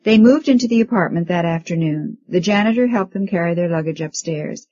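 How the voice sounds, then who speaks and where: A woman reading an audiobook in a steady, measured narration. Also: on the low side, dull audio.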